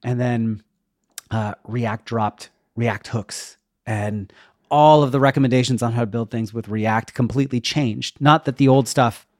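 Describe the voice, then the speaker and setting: Unhurried and fairly even in intonation, a medium-pitched male voice comes through dry and studio-clean. The speaker, a middle-aged web developer and educator guesting on a podcast, talks reflectively and hesitantly, often questioning himself as the conversation goes.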